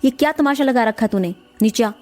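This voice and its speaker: A woman's voice: on the high side, fairly quick, darkish tone, lightly acted. A woman doing a stern old village exorcist. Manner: commanding, scolding.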